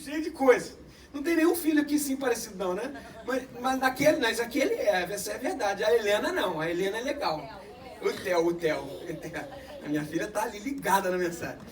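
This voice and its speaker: A Brazilian man preaching a sermon with a Rio accent, swinging between loud emphatic lines and low quiet asides. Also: expressive, brisk. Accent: Brazilian Portuguese, Rio de Janeiro. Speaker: pastor. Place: church service held in a cinema hall. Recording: echoey hall, voice from a distance.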